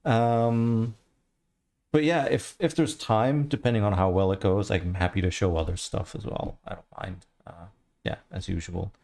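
Speaking at a moderate pace in a fairly low voice, this man in his thirties carries an accent blending Australian, Irish and American. He's a livestreamer and 3D artist, rambling easily through chat questions on a headset mic in his home studio.

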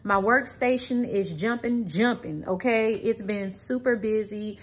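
A woman's voice: mid-range voice, measured pace, a little hiss or hum. A young woman, chatting casually and sassily to her viewers as a vlogger. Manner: chatty, sassy, says "y'all" and "child". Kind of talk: casual chat. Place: car, then kitchen.

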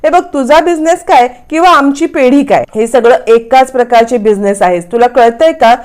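A woman's voice: high-pitched, moderate pace, darkish tone, lightly acted. Brief: know-it-all young man coaching a friend, as a woman narrator voices him. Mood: lecturing. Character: young man lecturing a friend on business tips.

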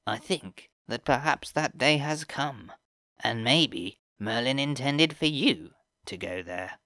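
A man voicing a wise, calm elder fae woman in an audiobook, speaking slowly in a measured, formal way. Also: medium pitch, no echo, pitched above the performer's own voice. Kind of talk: audiobook character voice.

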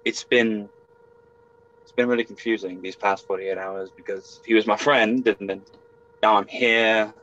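A man's voice: on the low side, steady tone, unhurried, a bit bright. Muffled, brash young male exile acted by a man. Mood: confused. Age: young adult. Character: brash, evasive, confused young male exile caught stealing. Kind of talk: amateur video game role-play drama. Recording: muffled lo-fi home webcam audio.

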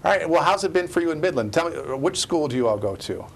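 A middle-aged man hosts a studio interview and talks quickly. He is friendly and encouraging, with short interjections between answers. A faint low rumble sits under his lapel-mic voice. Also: animated, creaky. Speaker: host. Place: small TV studio.

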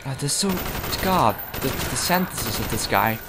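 This gameplay commentator is a young man whose mid-range voice moves with lively intonation at an unhurried pace. He offers loose, wandering, self-deprecating remarks while gaming, with noisy game sound in the background.

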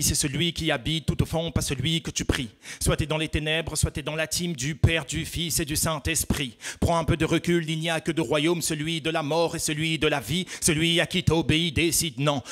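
A young man from France, a talent show contestant, answering questions and then rapping in a rhythmic, steady delivery. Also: a little high, moderate pace, few pauses. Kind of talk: audition chat and gospel rap. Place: studio stage.

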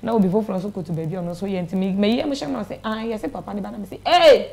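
In a small indoor TV studio, a young Ghanaian-accented woman wearing a clip-on lapel mic recounts a personal experience as an interview guest, relaying conversations as she goes. Her mid-range voice is warm, with vocal fry, and she speaks very fast.

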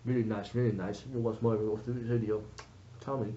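A man hosting an eating show, talking while chewing in a halting, soft-spoken way with many hums and fillers. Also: on the low side, level tone. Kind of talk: casual chat to camera. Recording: dull lo-fi sound with faint hiss.

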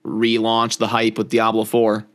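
A man in casual gaming chat, talking in a relaxed, easygoing, speculative way. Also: on the low side, a little slow.

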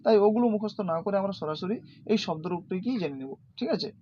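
A man with a fairly high voice teaches a recorded lesson. He asks his own questions and answers them, then recites word forms one at a time and stresses correct pronunciation. The sound is dull and lo-fi. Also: lively intonation, a little mellow, slight background noise. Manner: explains slowly, asking and answering own questions.

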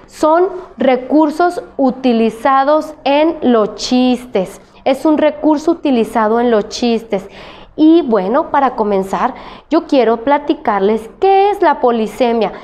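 A woman teaching a lesson to children, patient and slow, repeating key words. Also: high voice, animated, dark tone.

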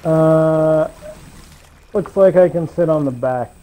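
A man's voice: a little high, takes it slowly, warm tone, slight background noise, poor audio. A man chatting casually with friends during a video game in a dry, understated way. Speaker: player in a co-op video game session. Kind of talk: casual gameplay chat with friends.

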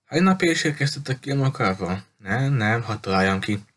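A man's voice: medium pitch, expressive, fairly bright tone, lightly acted. A man voicing a cheerful, talkative little lady who runs a bookshop, gushing and cutting others off.

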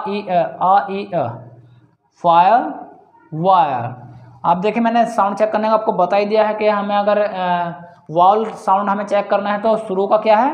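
His voice sits high as he teaches English pronunciation informally, repeating sample sounds slowly and frequently calling his audience "guys." The recording sounds roomy and echoey, with the high frequencies cut off.

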